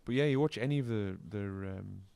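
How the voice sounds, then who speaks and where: A man's voice: lowish voice, fairly quick, creaky, dark tone, smooth, dry recording. A man, a musician chatting on a podcast in a studio, who talks loosely and fills his sentences with "you know". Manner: loose, filler-heavy with lots of "you know". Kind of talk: casual podcast chat.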